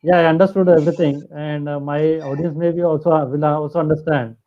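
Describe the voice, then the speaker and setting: A man with an Indian accent hosting an unscripted interview in a hesitant, halting way, often repeating himself. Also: on the high side, steady tone, dull audio. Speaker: interview host.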